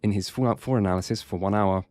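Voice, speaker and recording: Low-voiced man narrating a video essay. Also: quick pace, darkish tone, no echo. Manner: dry, sardonic. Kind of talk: scripted narration.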